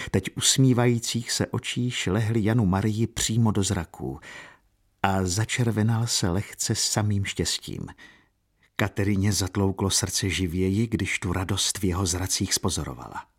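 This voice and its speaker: A man's voice: lowish voice, husky. Lyrical male audiobook narrator. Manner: slow, lyrical. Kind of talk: scripted narration.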